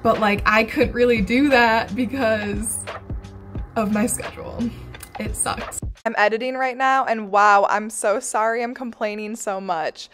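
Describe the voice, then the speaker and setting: A woman's voice: a little high, fairly even intonation, measured pace, fairly bright tone. A woman in her twenties talking to camera in a candid, chatty way, swearing casually now and then. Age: 20s. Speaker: vlogger. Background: background music.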